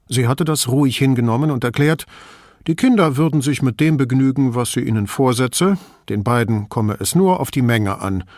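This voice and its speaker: A man narrating an audiobook in an even, measured reading style. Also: medium pitch, no room sound, studio quality.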